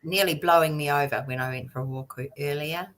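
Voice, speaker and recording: A woman's voice: deep voice, a little fast. A woman taking part in a casual podcast discussion, explaining things informally.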